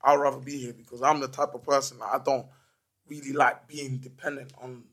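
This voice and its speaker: A young man from Nigeria chatting casually as a podcast guest, relaxed and laid-back, repeating phrases as he talks. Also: medium pitch, a little fast. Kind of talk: casual chat.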